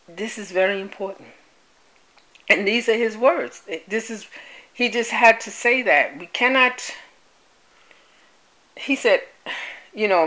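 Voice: mid-range voice, pushed and bright, low-quality recording. A vlogger giving casual news commentary, repeating points and spelling out names like a teacher, with frequent laughs. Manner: laughs often.

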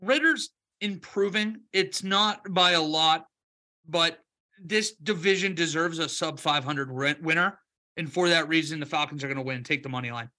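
A man co-hosting a casual sports podcast, talking through playoff scenarios and betting picks in a quick, wry way. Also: fairly high pitch, bright, forceful tone. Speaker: podcast co-host, picks analyst.

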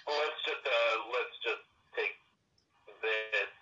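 A man playing a tabletop roleplaying game over a call, his voice thin and tinny like a walkie-talkie with no bass, halting and restarting as he thinks aloud. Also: sharp tone. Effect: thin, tinny walkie-talkie-like sound with no bass. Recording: faint lo-fi mic far from the speaker.

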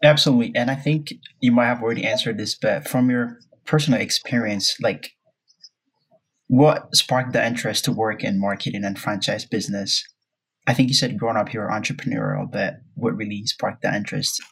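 A man's voice: lowish voice, steady tone, a little fast, gravelly, a bit bright, breathy edge, rough recording. A man hosting an interview, asking questions in an encouraging, hesitant way. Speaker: podcast host.

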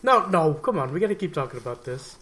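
A man's voice: fairly high pitch, very animated, quick pace, a bit bright. A man co-hosting a casual podcast chat, often stammering and restarting, laughing now and then. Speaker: podcast co-host.

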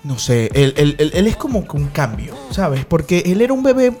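A man's voice: fairly high pitch, big pitch swings, moderate pace, darkish tone, soft background music. A young Venezuelan man co-hosting a casual comedy chat, joking and swearing freely. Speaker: podcast co-host.

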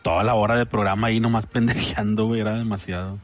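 A man's voice: fairly low pitch, level tone, fast talker, faint music behind. A man with a Mexican accent chatting casually and joking in slang, like a frat bro telling stories. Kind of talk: casual chat, telling anecdotes.

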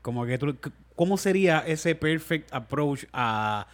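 A man's voice: on the high side, animated, unhurried. A man co-hosting a casual podcast and joking with his co-hosts. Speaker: podcast co-host. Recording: loud background noise with clicks.

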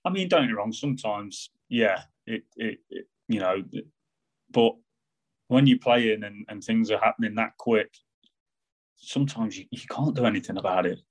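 A former footballer with an English Midlands accent, talking in a casual podcast interview with halting, restarting sentences. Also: male voice, on the low side, lively intonation, poor audio. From England. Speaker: football manager and former player.

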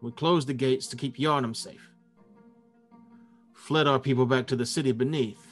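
A man's voice: mid-range voice, steady tone, moderate pace, soft background music, natural voice. A man voicing a wary dwarven guardian in a fantasy tabletop game, questioning strangers with a suspicious, muttering manner. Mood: grave.

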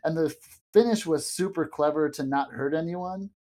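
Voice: mid-range voice, moderate pace, warm tone. Co-host recording inside a small closet, casual rambling wrestling recap, loose and chatty. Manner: loose and rambling, with frequent fillers and laughs. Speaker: podcast co-host. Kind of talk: casual wrestling show review chat.

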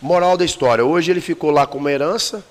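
A man's voice: fairly high pitch, fast talker, long reverb tail. A man with a Brazilian Portuguese accent in a casual podcast chat, telling a personal story bluntly and emotionally with plenty of swearing. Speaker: guest telling his life story.

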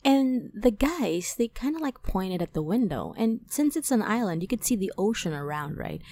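A woman hosting a podcast, telling a dream story in a casual, animated way, packed with "like" and "right?", her voice climbing high when excited. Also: moderate pace. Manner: animated, many fillers like "like" and "right?". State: toothache, on medication. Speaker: podcast host.

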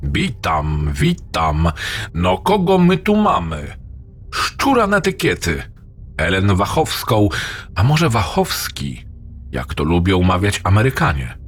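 A man voicing a gloating, crude male AI demon in a horror story reading, with a rough, mocking voice. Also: takes it slowly, full character voice. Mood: taunting. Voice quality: rough, ugly, abusive voice. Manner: taunting, lewd, lively pitch swings.

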